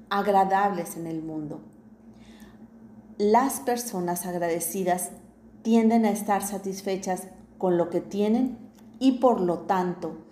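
A woman narrates an inspirational reflection slowly and deliberately, pausing between phrases. Her voice is mellow and warm, at a middle pitch. The recording has a noticeable roomy echo. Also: slight background noise. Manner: measured, deliberate reading with pauses between phrases.

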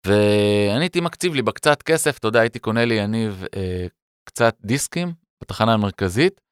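A man telling an animated personal story in a casual conversation, acting out the voices of people in it. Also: lowish voice, smooth, dry recording, clean studio sound. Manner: animated, acts out voices in his anecdotes. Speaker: educator and podcast guest.

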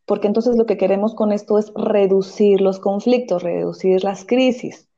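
Woman giving calm parenting advice. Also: mid-range voice, normal speed. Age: adult, parent of a young child. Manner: explains patiently with frequent "¿sí?" checks. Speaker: parenting professional. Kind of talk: conversational advice talk. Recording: slightly dull lo-fi audio.

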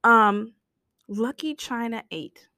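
An American woman hosting a casual solo podcast rant, hoarse with her voice nearly gone, raspy and whispery, speaking bluntly. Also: fairly high pitch, takes it slowly, sharp tone, dry recording, studio quality. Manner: blunt, complaining, mildly sweary. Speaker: podcast host.

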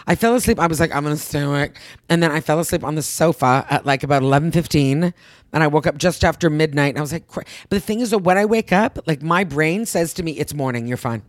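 Casting: middle-aged woman, chatty co-host, animated rambling storyteller, dry close sound. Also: low-pitched, quick pace, no room sound. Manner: rambling, animated storytelling, acts out her own thoughts, swears casually. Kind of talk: casual chat.

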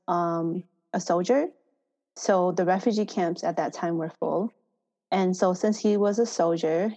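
A woman born in Thailand, a farmer education manager, telling her story in a relaxed interview and laughing often. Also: on the low side. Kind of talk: casual interview conversation. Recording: slightly dull lo-fi sound.

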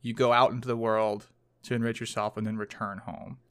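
A man with a smooth, resonant voice speaks in a casual academic conversation. His sound is close and dry, and he reasons carefully, often hedging his points. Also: lowish voice, little pitch movement, brisk, no echo.

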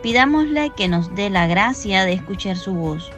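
Calm woman reading a devotional reflection. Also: mid-range voice, moderate pace, music in the background. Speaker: reader of a Gospel reflection. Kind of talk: scripted devotional narration. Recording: dull lo-fi recording.

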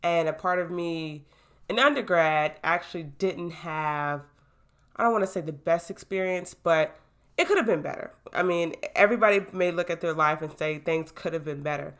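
Lively woman hosting a chatty podcast. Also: on the low side, normal speed. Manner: animated, chatty, hype-building. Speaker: podcast host. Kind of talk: casual solo podcast talk. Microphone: new podcast microphone.

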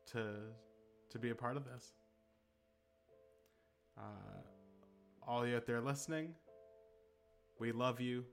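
A man who plays in a role-play podcast, giving earnest, halting closing thanks. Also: mid-range voice, a bit bright, smooth. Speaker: podcast player. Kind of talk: heartfelt closing remarks.

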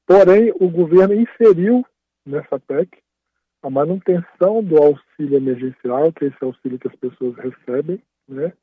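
A man speaking by phone as a radio interview guest, explaining at a steady pace and often tagging his phrases with a questioning "right?". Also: a little high, normal speed, breathy edge, no room sound. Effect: heard over a phone line. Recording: tinny dry phone line.

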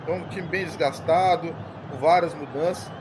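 A Brazilian man giving unscripted match analysis as a pundit, critical and halting, repeating his words. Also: a little high, steady tone. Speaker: football pundit. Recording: clearly noisy, outdoor ambience.

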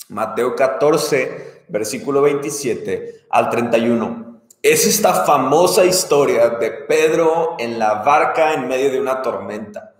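A man preaching a sermon in an earnest way, repeating key phrases for emphasis. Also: mid-range voice. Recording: echoey hall with long reverb.

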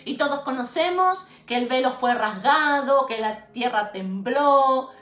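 Woman pastor, high voice, slow deliberate sermon delivery, echoey hall. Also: fairly bright tone. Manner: emphatic preaching with repeated phrases and direct address.

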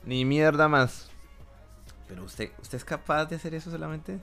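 A man's voice: fairly high pitch, moderate pace, gravelly, fairly bright tone, faint music behind. A man hosting a podcast in casual chat, joking crudely and teasing his guest. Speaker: podcast host.

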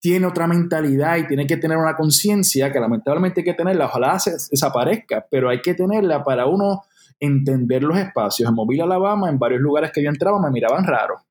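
A Puerto Rican man in his forties with a Puerto Rican Spanish accent is a guest in a conversational interview, speaking earnestly and reflectively as he thinks aloud with restarts. His voice is on the high side and a little mellow, and he talks fast.

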